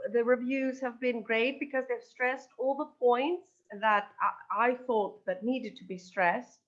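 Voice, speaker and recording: Her voice fairly high-pitched, with the highs cut off in the recording, a northern Greek band singer and lyricist is interviewed. She responds earnestly but hesitantly, repeating words as she goes.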